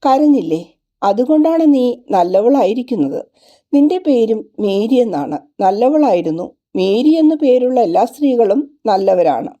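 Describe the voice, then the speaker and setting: A woman reader does a gentle young shepherd boy who talks with earnest, childlike sincerity. The voice sits fairly high and mellow. The recording sounds dull and lo-fi. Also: sing-song, unhurried.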